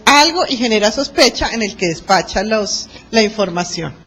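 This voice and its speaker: A Colombian woman lecturing a class on arbitration, lively and acting out quoted exchanges and anecdotes. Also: medium pitch, moderate pace, slight background noise.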